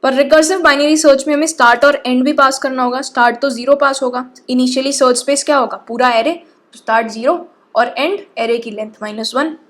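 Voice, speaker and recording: A woman teaching programming, talking through code step by step and often pausing to check in with her students. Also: high voice, steady tone. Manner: explains patiently, often checks in with "ठीक है".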